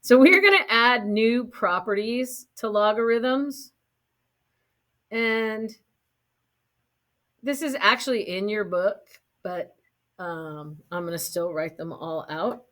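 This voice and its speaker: A woman's voice: mid-range voice, slow, pauses often, a bit bright. A woman teaching a math class in a casual lecture, often checking in with her students and adding light jokes. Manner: casual, keeps checking in with "right?"; light joking asides to students.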